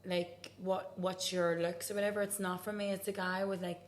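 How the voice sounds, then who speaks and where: A woman's voice: on the low side, little pitch movement, normal speed, a little hiss or hum. A young woman hosting a podcast, chatting casually with a friend, filling her talk with "like" and casual swearing. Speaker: podcast host. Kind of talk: casual chat.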